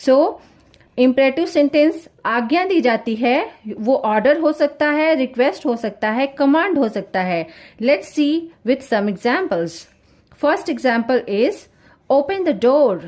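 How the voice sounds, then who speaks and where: A woman teaching English grammar in Hindi. She speaks slowly and reads English example sentences out one word at a time, then asks the viewers a question and answers it herself. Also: high voice, a little mellow.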